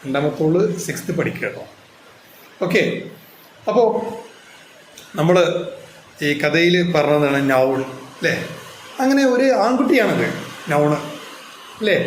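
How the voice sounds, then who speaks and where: A man teaching a spoken English class, telling a story playfully and asking his students rhetorical questions. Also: high voice. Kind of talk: storytelling grammar lesson. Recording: echoey room with faint noise.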